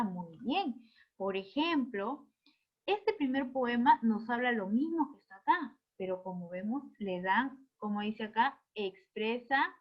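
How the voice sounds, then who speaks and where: A woman teacher giving a literature lesson, patiently explaining and often checking in with her students. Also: a little high. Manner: patient, keeps asking "¿no?" and "¿verdad?"; reads verses aloud with extra intonation. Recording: slightly dull lo-fi audio.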